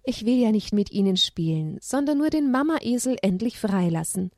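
A woman voicing a gentle, caring mother in a children's story, calm and reassuring. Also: mid-range voice, moderate pace, dry recording, studio quality, lightly acted. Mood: soothing.

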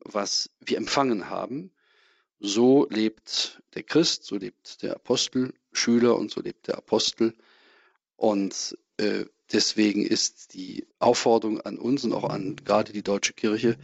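Low gravelly priest, hesitant. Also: male voice, no echo. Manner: measured, thoughtful, frequent hesitations. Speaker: priest, guest. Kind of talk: spoken sermon commentary and interview answers. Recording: dull lo-fi sound.

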